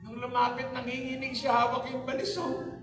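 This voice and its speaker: A man's voice: extremely high pitch, completely flat delivery, normal speed, over music. A man from the Philippines giving a church testimony, telling his story earnestly and acting out past conversations. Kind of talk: testimony sermon. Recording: echoey hall from far off.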